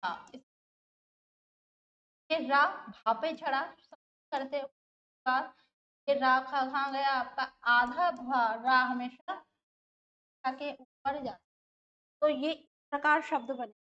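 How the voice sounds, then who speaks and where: A woman teaches an exam-prep grammar lesson, repeating each word and asking her class questions as she works through it. Her voice sits high and bright. The recording is a bit dull and lo-fi. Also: steady tone, slow, pauses often.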